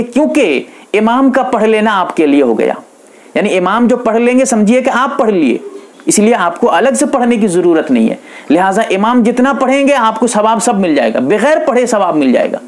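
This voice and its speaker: A man's voice: high voice, sing-song, normal speed. Patient Indian man teaching prayer rules. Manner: patient, explanatory, repeats points for emphasis. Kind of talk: religious instruction lecture.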